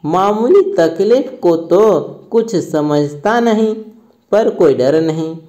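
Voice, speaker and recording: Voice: mid-range voice, lively intonation, takes it slowly, mellow, lo-fi sound. A reader doing a chatty, reassuring neighbour. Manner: talkative and reassuring. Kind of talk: reading a school play aloud.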